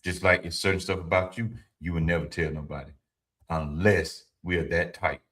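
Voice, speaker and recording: A man in his fifties hosts a livestream, offering casual, preachy motivational advice, repeating his points and replying to the chat. His voice is low and slightly bright, with fairly even intonation and a moderate pace.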